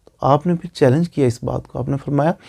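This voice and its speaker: A man with a Pakistani accent works as a lawyer giving casual legal explainers online, and he repeats phrases to stress them. He talks fast in a medium-pitched voice that's creaky and warm, with a breathy edge.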